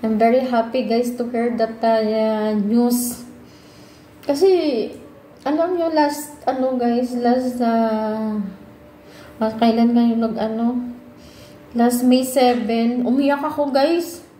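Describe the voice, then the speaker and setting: A woman's voice: on the high side, steady tone, slow pace, long pauses, mellow, slight background noise. A Filipino woman chatting casually to her viewers, often calling out to them and mixing in English. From Philippines. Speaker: vlogger. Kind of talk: casual chat to camera. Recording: echoey room with faint ambience.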